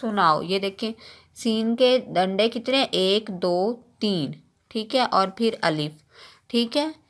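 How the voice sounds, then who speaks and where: A woman's voice: mid-range voice, lively intonation, takes it slowly. A woman teacher giving an online lesson to young children. She spells each word out letter by letter and checks in with the class again and again. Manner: patient, repeats words and checks in often with children.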